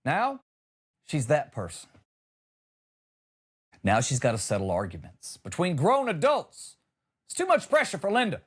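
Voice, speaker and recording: A man with a fairly high voice performs a comic monologue, his pitch rising and falling widely with every point. He sounds exasperated and sarcastic, hitting his words hard like a podcast host on a rant. His delivery is sing-song and unhurried, with frequent pauses and a breathy edge.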